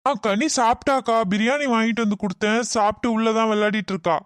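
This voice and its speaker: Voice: mid-range voice, quick pace, clean tone, no room sound, lightly acted. A voice actor playing an earnest, helpful young man in a cartoon, speaking in a soothing, reassuring way. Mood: calm. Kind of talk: cartoon voice acting.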